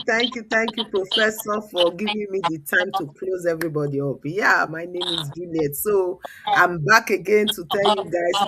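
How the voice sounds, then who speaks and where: A woman's voice: fairly low pitch, noisy background. A woman with a Nigerian accent giving an informal motivational sign-off as co-host, direct and exhorting, repeating phrases for emphasis. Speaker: co-host giving closing call to action.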